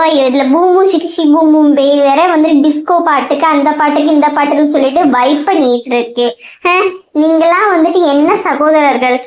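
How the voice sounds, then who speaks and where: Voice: sits high, natural voice. Someone voicing a fretful, put-upon male cartoon monster who rants and complains in a whiny way, with a Tamil accent. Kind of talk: cartoon voice acting. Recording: roomy, dull lo-fi sound.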